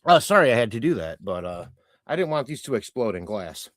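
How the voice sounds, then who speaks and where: Against a noisy background, a Croatian-native man runs a relaxed livestream, reading chat and wandering off in talk packed with fillers and false starts. His medium-pitched voice is sing-song and a little fast.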